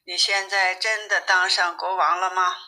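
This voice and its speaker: A woman voicing a timid fisherman who pleads gently with his wife in a storybook reading. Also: on the low side, flat delivery, moderate pace. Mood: meek. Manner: meek, pleading. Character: timid, fearful old fisherman husband.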